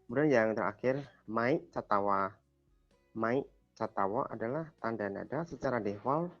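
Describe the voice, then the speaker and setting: A man's voice: mid-range voice, moderate pace, highs cut off, faint music behind. A man teaching a language class over a video call, quizzing students and patiently repeating their answers. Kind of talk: online class lesson.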